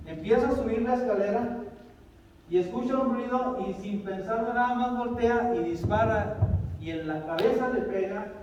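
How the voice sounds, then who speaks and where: A man tells a story in a conversational way and keeps turning questions to his listeners. His voice sits high and mellow. It comes from far off in a big echoing hall and sounds dull. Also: moderate pace, a little hiss or hum. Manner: conversational, asks the audience questions.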